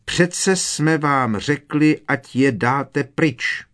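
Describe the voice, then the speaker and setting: A man voicing a stern, scolding middle-aged witch mother with a shrill, sharp manner. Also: lightly acted. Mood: angry scolding.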